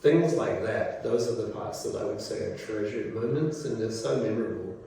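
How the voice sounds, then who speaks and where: A middle-aged man from New Zealand, a teacher, answering interview questions in a relaxed, rambling way with many fillers. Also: fairly low pitch, moderate pace, vocal fry, a little hiss or hum. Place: school room. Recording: echoey room from far off.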